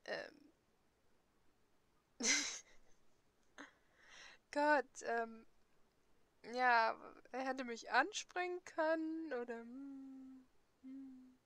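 Junge Frau, kichernd beim Let's Play. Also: female voice, high voice, steady tone, extremely slow, pauses often, fairly bright tone, no echo. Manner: giggly, hesitant, many fillers. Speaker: let's player. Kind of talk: casual game commentary.

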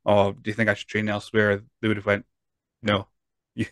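A fairly low, monotone male voice with a Scottish accent belongs to a podcast host in his thirties, talking fairly quickly. In casual interview chat, he poses long, rambling questions that he often restarts, recorded dry in a home studio through a close large studio mic with headphones.

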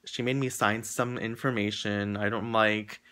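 A young man telling a story casually to his viewers, rambling and acting out what people said, his pitch jumping up high when he gets excited. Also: measured pace. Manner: animated, rambling, acts out quotes with jumps in pitch. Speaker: vlogger.

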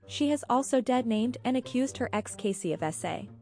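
A woman's voice: fairly high pitch, lively intonation, moderate pace, darkish tone. A woman narrating a commentary video in a dry, matter-of-fact scripted read.

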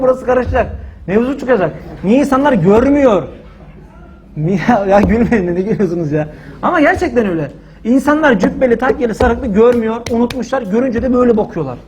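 A man preaching a sermon in a loud, forceful, shouting manner, stretching some words slowly for emphasis. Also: very high-pitched, a little hiss or hum.

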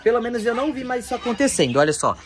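A man's voice: extremely high pitch, big pitch swings, very fast. A man hosting a casual vlog as he tours his bird enclosures outdoors, chatting to viewers and cooing at the birds in baby talk. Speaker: bird keeper and vlog host.

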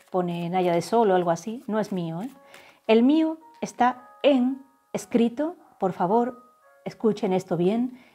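A woman from giving a tarot reading to her viewers, saying the messages she channels slowly and softly. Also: mid-range voice. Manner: slow, soft, drawn-out channeled phrases. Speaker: tarot reader. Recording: faint background music.

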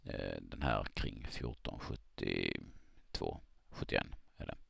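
A man walking through stock charts in a halting screen-recorded analysis, with many fillers as he thinks aloud. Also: rumbling low, gravelly, fairly bright tone, husky, no echo, clean studio sound. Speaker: market analyst.

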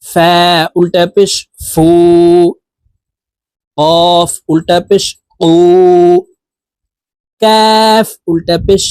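A man teaching Quran recitation, drawing out each syllable slowly in a spelling drill and explaining rules quickly in between. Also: sits high, steady tone, smooth, no room sound, clean studio sound. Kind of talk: slow spelling drill lesson.

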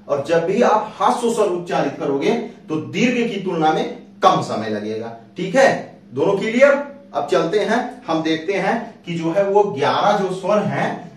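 A male teacher, giving an exam-prep lesson and repeating questions he then answers. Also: high-pitched. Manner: repetitive, asks and answers own questions. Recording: very echoey room, distant from mic.

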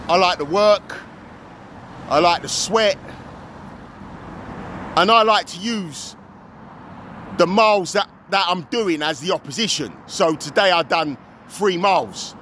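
A middle-aged man talking casually to camera in halting, repeated short phrases, recorded at arm's length outdoors. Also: high-pitched, pushed and bright. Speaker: running vlogger. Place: outdoors on a suburban pavement by a road. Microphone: phone or camera at arm's length. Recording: outdoor street with passing car noise. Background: faint traffic and street ambience.

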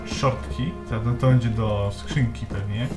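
A man commenting on a horror game as he plays, swearing, talking to himself and to objects, and shouting in panic when scared. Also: fairly low pitch, unhurried, roomy sound, music in the background. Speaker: let's play gamer. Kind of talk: let's play commentary.

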